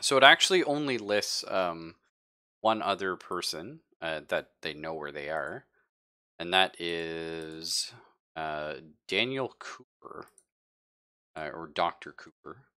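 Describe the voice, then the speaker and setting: Acting as game master, a man with a very low, forceful voice improvises narration and rulings in casual, slangy language, swearing freely. He's animated yet slow, and the sound is clean.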